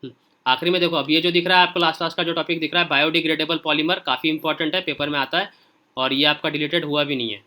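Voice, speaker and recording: A man's voice: on the high side, steady tone, fast talker, bright, forceful tone. A man teaching a class online, talking informally and directly to his students while going through pages and checking in often. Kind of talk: casual screen-share lesson.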